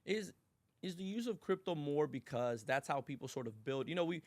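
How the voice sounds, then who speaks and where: A man's voice: on the high side, expressive, fairly quick, no room sound. A man hosting an interview, asking questions with stammering restarts and casual asides. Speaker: interview host.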